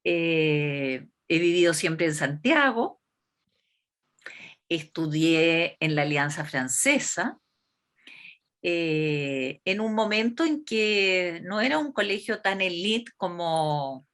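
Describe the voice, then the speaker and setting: A woman's voice: lowish voice, animated, a bit bright. A woman in her sixties with a Chilean accent, talking thoughtfully and at length as an interview guest. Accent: Chilean Spanish. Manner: slow, thoughtful, measured. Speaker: interviewee, constitutional delegate. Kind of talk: reflective interview talk.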